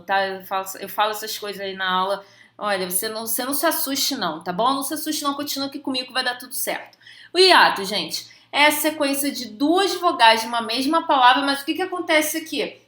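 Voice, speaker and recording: A woman's voice: a little high, pushed and bright, echoey room. A woman from Brazil teaching an online exam-prep Portuguese lesson, chatty and jokey, often checking in with her students.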